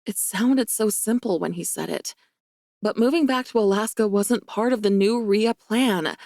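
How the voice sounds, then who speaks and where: A woman giving first-person romance audiobook narration in a wry, lively, self-mocking way. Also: mid-range voice, normal speed, creaky, no echo, studio quality.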